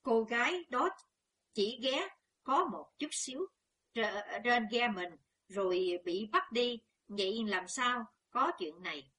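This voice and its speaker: A woman's voice: fairly high pitch, lively intonation, slow, bright, forceful tone, breathy edge, exaggerated voice. A woman doing a fretful old peasant mother. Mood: alarmed. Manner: anxious, scolding. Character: worried older peasant mother.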